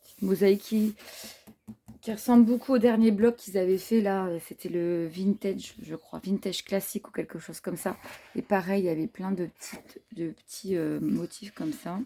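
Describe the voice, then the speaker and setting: A woman's voice: lowish voice, mellow. A woman chatting casually to viewers while showing craft papers, with many fillers and admiring asides. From France. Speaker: craft haul vlogger. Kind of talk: casual show-and-tell chat.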